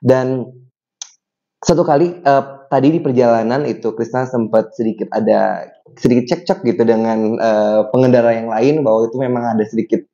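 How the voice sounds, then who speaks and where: A man's voice: mid-range voice, steady tone, normal speed, dark tone. A young man hosting a church podcast, chatty, telling a story with many fillers. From Bali, Indonesia. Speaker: podcast host. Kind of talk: casual chat. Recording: dull lo-fi podcast audio.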